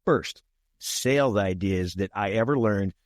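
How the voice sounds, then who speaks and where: Talking a little slowly in a fairly low voice, a man in his sixties co-hosts a casual podcast chat. He is folksy, says things more than once and chuckles now and then. The recording is studio quality with no room sound.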